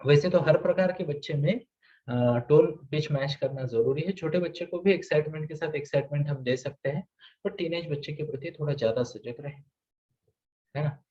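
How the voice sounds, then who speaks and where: A man's voice: a little high, moderate pace, mellow. A man giving a live parenting seminar to an audience, often checking in with rhetorical questions and asking for shows of hands. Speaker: parenting coach. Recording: distant, dull lo-fi recording.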